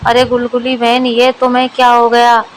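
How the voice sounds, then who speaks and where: A kind village neighbor woman from a storybook tale, as a woman narrator voices her. The voice is slightly high and monotone. It is delivered at an even pace. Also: moderate pace, slight background noise, natural voice, poor audio. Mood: pleading.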